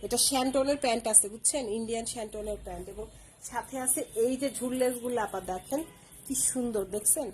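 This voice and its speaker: A woman's voice: fairly high pitch, fast, a little mellow, slight background noise, rough recording. A woman hosting a live clothing sale stream, using repetitive, persuasive sales patter.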